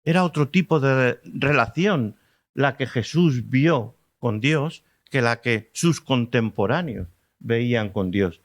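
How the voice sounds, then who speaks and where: A man with a Spanish accent delivers a teaching sermon to his congregation. He talks at a middle pitch, repeating key words for emphasis and checking in with rhetorical questions. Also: expressive, takes it slowly. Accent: Spanish from Spain. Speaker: preacher.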